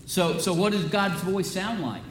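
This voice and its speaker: A slightly high-voiced pastor leads a children's sermon in a roomy church sanctuary, talking in a relaxed, unhurried way and asking the kids lots of questions. He's recorded from afar, with a soft murmur in the background and a little hiss or hum.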